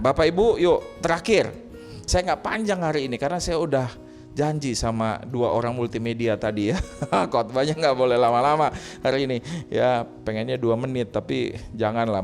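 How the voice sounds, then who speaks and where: A male pastor preaching in a relaxed, chatty way, with a lilt. He jumps into little acted dialogues and laughs with his listeners. Faint music plays behind him. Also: mid-range voice, normal speed. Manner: lively storytelling, acting out quoted dialogue, joking and laughing. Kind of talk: sermon.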